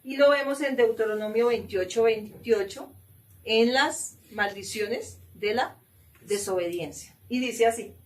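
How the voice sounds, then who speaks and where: A woman's voice: fairly high pitch, measured pace. A woman leading a Bible study, reading scripture aloud and explaining it, with frequent questions to her listeners. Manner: reads scripture then explains, asks the group questions. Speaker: Bible teacher. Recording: distant mic with faint room noise.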